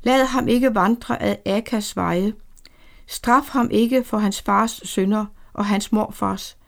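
A woman voicing an anxious old grandfather who speaks softly and prays in a hushed, pleading way. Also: mid-range voice, vocal fry, close to an everyday voice. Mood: pleading prayer. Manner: soft, hushed pleading prayer.

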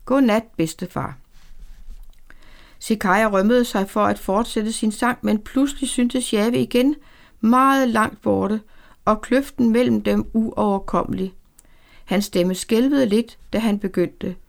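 A woman narrating a story aloud in a calm, measured way. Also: fairly high pitch, creaky. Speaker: audiobook narrator. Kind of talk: scripted narration.

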